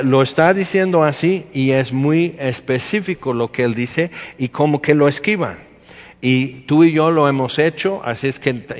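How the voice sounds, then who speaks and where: Chatty Mexican preacher in a reverberant hall. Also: male voice, mid-range voice, dull audio. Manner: casual, chatty, with asides and rhetorical questions. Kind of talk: conversational Bible teaching.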